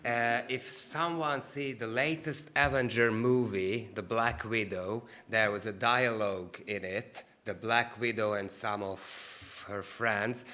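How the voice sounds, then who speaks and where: A man's voice: fairly low pitch, steady tone, takes it slowly, few pauses, sharp tone. A man with a Hungarian accent giving a formal opening speech at a literary congress. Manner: reads a prepared speech steadily, with a few restarts. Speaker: speaker from a cultural agency.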